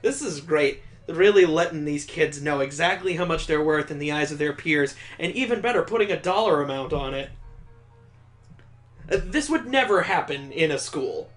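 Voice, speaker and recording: A man's voice: a little high, lively intonation, moderate pace. Sarcastic man commenting on a game. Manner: sarcastic, joking. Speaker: let's play host. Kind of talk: casual gameplay commentary. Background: faint music.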